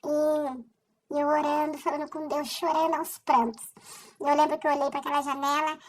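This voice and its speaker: Woman, high bright voice, emotional faith testimony, stop-and-start delivery. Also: level tone, low-quality recording. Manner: earnest and halting, with restarts. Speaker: person sharing a faith testimony. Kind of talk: personal religious testimony.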